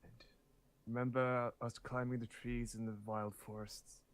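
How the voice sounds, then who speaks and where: A man voicing a kindly adventurer who gently reassures a child, speaking low and soft in tabletop role-play. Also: level tone, measured pace, lightly acted. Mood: reassuring. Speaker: tabletop player in character.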